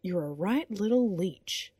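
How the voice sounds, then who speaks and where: A woman's voice: medium pitch, measured pace, mellow, breathy edge, no room sound. A stern, sardonic woman knight, voiced by a woman reading an audio story, scolds with a mocking edge that turns to a near growl. The sound is close and dry. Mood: scornful. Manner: mocking then growling, sinister.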